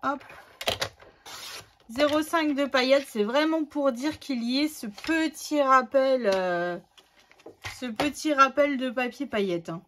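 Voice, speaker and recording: A woman talks through her crafting in an unhurried, relaxed way, her voice sitting a little high. She chats casually and thinks aloud between steps. A faint hiss sits under the recording. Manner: chatty, thinks aloud while working, many fillers. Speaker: scrapbooking tutorial host.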